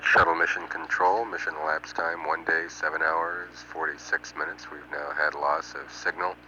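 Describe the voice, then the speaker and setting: A man giving official spaceflight status commentary in a measured, halting way, reading figures formally over a muffled radio feed. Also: extremely low pitch, flat delivery, bright, forceful tone, a little hiss or hum. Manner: measured, halting delivery with formal number readouts. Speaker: mission control public affairs commentator.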